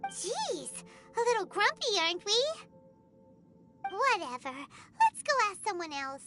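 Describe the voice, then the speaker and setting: A woman voicing a small, excitable childlike fairy companion in an anime video game, with perky, exclamatory delivery. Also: very high voice, unhurried, faint music behind, heavily acted. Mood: miffed.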